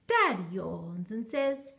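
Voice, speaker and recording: Reading a children's picture book aloud, a woman uses an expressive, measured storytelling style. Her voice is gravelly and sits at a medium pitch.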